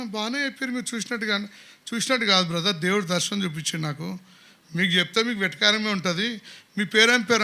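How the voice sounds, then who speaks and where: A high, bright-voiced middle-aged man shares his church testimony. He tells it earnestly, plays out each exchange as dialogue, and leans on repetition. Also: vocal fry. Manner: earnest storytelling, acts out dialogue, repeats phrases. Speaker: church member giving testimony.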